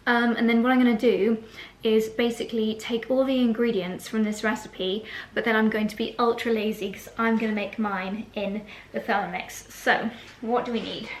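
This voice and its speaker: A woman's voice: fairly high pitch, steady tone, normal speed, reverberant, low-quality recording. A British woman chatting casually to viewers in a vlog, with a slight lisp and whistling s from a dental brace. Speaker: lifestyle vlogger.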